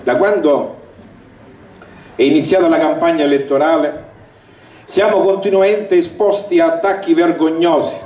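An older man gives a declamatory, booming campaign speech from a balcony, reading with emphasis. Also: steady tone, moderate pace, pauses often, dark tone. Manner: declamatory, emphatic delivery to a crowd. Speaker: election candidate. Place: outdoor balcony over a town square at night. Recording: roomy, distant, noisy outdoor rally recording.

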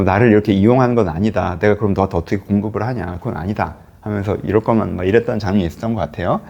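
Lively male pastor teaching the Bible. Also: medium pitch, vocal fry. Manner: lively, acts out quoted voices, asks listeners questions.

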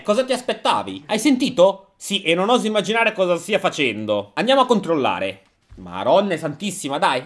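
Male reaction host, high lively voice, sarcastic and jokey. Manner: sarcastic, jokey, swears freely. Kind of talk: reaction commentary.

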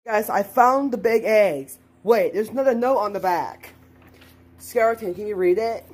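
A woman's voice: mid-range voice, normal speed, a little mellow, breathy edge. A woman hosting a plush toy show, chattily narrating her toy play and talking to herself. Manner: chatty, talks to herself while acting out play.

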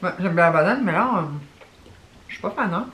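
Une femme qui commente franchement ce qu'elle goûte, en bavardant sur un ton familier, tout en mâchant. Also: female voice, fairly low pitch, animated, brisk, fairly bright tone. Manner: frank, chatty comments on tastes. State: chewing while talking. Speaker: vlogger tasting snacks. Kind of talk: casual chat. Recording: echoey room.

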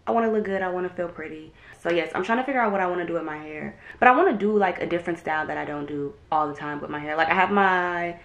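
A young woman, a lifestyle vlogger, chats casually to a camera a few feet away in her bedroom or dressing room at home. Her fairly low voice is relaxed and chatty, packed with "um" and "like." The recording carries the roomy echo of a bare room.

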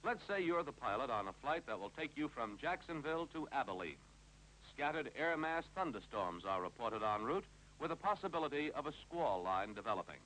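An American man reads scripted instructions for a 1950s training film in a mid-range voice that is bright, forceful and sing-song, going a little fast. His delivery stays clipped and authoritative over a noisy, humming soundtrack.

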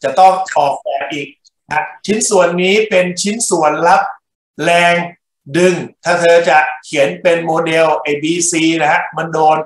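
A male university lecturer works through engineering problems, talking in short bursts and checking in with the class. His voice sits a little high, and the room gives it a noticeable echo. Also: fairly even intonation, moderate pace. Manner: talks in short bursts, checks in with students often. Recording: echoey classroom.

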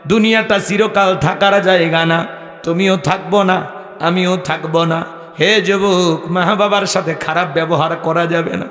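A man's voice: high-pitched, fairly bright tone. A man preaching an impassioned sermon, telling a story with an emotional, sing-song delivery. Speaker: Islamic preacher. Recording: echoey hall, long reverb.

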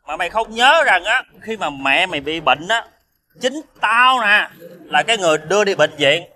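A drunk, furious ex-con friend. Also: male voice, a little high, lively intonation, quick pace, a little hiss or hum. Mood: drunk bitter. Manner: shouting, indignant, slurred drunk rants. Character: hot-tempered drunk male ex-convict friend. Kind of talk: TV crime reenactment drama.

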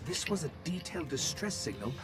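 An actor voicing a small, earnest robotic companion in a video game, precise and informative, quiet under loud music. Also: male voice, a little high, very animated, a little fast. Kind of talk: scripted game dialogue.

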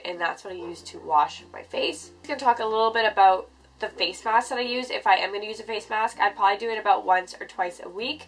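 A young woman talks to camera in a casual, chatty vlog style. Her nose sounds blocked by a cold, and her voice sits at a medium pitch for a woman. She comes across as informal and a little self-deprecating. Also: a bit bright. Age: 20s. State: congested, stuffy nose from a cold. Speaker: beauty vlogger. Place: furnished bedroom, indoors.

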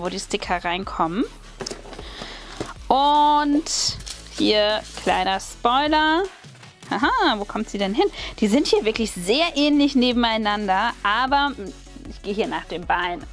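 A crafting video host with a German accent chats casually as she unboxes and crafts at a wooden table indoors, thinking aloud with hums and small laughs. Her voice is mid-range, and an overhead camera shows only her hands.

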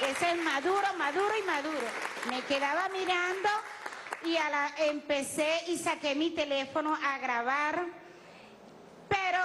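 Excited woman, high voice. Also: noisy background. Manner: excited, vivid storyteller using sound effects. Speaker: studio guest. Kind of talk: casual recounting of an event.

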